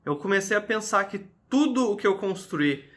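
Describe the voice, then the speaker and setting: A man's voice: sits high, animated, normal speed, a bit bright. Earnest young man. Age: early 20s. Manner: earnest, preachy, addresses viewers directly with frequent "tá?". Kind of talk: casual confessional talk to camera.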